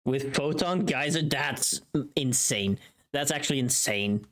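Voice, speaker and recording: With an extremely low, slightly bright voice, this woman livestreams as she works on recording, talking animatedly but a little slowly to her viewers. She's candid, swears casually, and reads out and responds to the chat.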